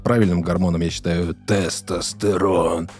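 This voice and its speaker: A man's voice: low-pitched, fairly even intonation, normal speed, over loud music. A man around forty hosting a casual studio podcast, blunt and joking, with crude slang. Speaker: podcast host.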